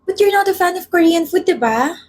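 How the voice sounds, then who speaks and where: A young woman acting in a comedy skit, speaking in a lively and expressive way. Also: extremely high pitch, brisk, slight background noise. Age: young adult.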